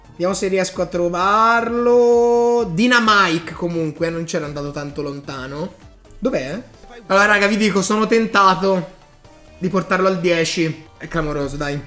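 A man giving excitable live commentary over his own gameplay, breaking into bursts of hype and talking straight to his viewers. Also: a little high. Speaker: gaming YouTuber.

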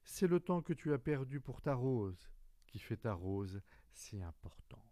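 A man reading an audiobook, voicing a wise, gentle fox who speaks in a calm, measured way. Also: medium pitch, no room sound, clean studio sound, pitched above the performer's own voice, close to an everyday voice.

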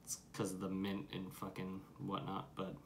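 A man's voice: low voice, monotone, normal speed, slight background noise. A young adult man giving a casual product review to camera, with slangy talk and plenty of swearing. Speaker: dip review vlogger. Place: small room at home, curtain behind.

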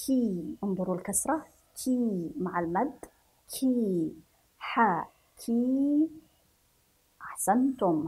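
A woman teaching a children's reading lesson, slowly sounding out each letter and syllable. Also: medium pitch, darkish tone, husky, rough recording. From Yemen. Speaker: primary school teacher.

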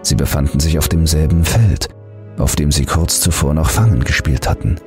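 A man calmly narrating a translated horror story as an audiobook. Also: extremely low pitch, normal speed, faint music behind.

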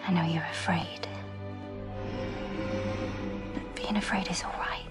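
A young companion whispers gently to a frightened child. Her voice sits low and breathy, with loud music swelling beneath it in a television clip. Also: steady tone, slow pace. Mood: tender. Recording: TV clip with loud score under the voice.

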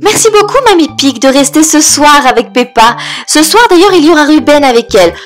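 A woman's voice: high voice, lively intonation, brisk, faint music behind. A woman voicing a concerned, nagging cartoon mother pig in an admonishing manner. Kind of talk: cartoon toy-play story.

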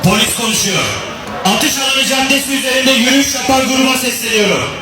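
Brief: male police officer, very high shouting through a megaphone, formal warnings, distant, loud crowd and music behind. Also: brisk. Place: outdoor street rally.

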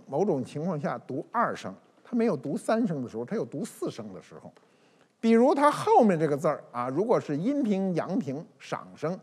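A man's voice: high voice, husky. A man giving an explanatory talk-show monologue, teaching by saying example words aloud. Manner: didactic, demonstrates pronunciations aloud. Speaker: cultural commentator. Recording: reverberant room with faint music.

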